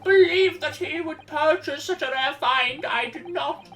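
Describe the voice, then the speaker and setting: A woman voicing an eccentric, fretful old man in a video game, with drawn-out, archaic, theatrical delivery. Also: sits high, a bit bright, distant mic. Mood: mournful, indignant. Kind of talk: video game character dub.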